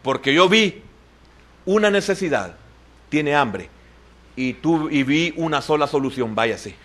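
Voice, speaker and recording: A male pastor preaching with fervor, his high voice bright and cutting. He calls out to the congregation directly, rising to loud exclamations and then dropping to hushed asides. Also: lively intonation, unhurried. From El Salvador. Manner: addresses the congregation directly and often as "hermano". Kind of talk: sermon.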